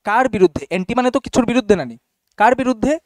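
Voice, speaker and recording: A young man with a very high voice talks very fast while casually teaching a biology class, often checking that his students are following. The recording is dry and of studio quality.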